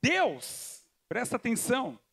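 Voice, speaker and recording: High-voiced, lively São Paulo pastor. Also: male voice, takes it slowly, creaky, breathy edge. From São Paulo, Brazil. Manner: casual, joking, street-slang preaching. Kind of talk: sermon with funny personal stories. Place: church service.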